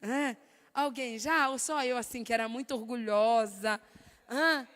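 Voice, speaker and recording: Woman with a Brazilian Portuguese accent, fairly high voice, animated and emphatic, long hall echo. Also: measured pace. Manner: animated, emphatic, storytelling with repetition. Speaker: speaker sharing testimony. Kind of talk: live talk on stage.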